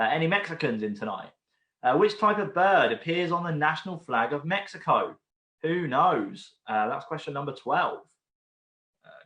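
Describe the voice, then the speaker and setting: A man's voice: on the high side, fairly bright tone. Uk guy running a pub quiz from home, chatty, rambles and repeats questions, roomy echo. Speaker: quiz host. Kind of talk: casual livestream quiz hosting. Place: room at home.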